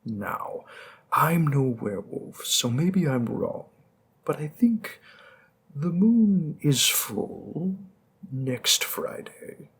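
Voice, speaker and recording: Here a male roleplay actor plays a seductive mob boss in a heavily acted, sing-song way. His mid-pitched voice is husky and gravelly, and he teases slowly with playful menace, sometimes sinking to a whisper as the flirty, smooth-talking character.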